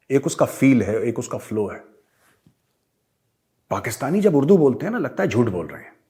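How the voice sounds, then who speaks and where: A middle-aged Indian man with an Indian accent giving a forceful, rhetorical opinion monologue as a show host, moving between English and Hindi. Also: fairly high pitch.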